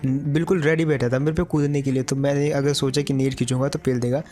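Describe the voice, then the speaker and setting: A man's voice: mid-range voice, level tone, quick pace, mellow. A man giving chatty gameplay commentary to his viewers, calling them brother. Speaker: gaming YouTuber.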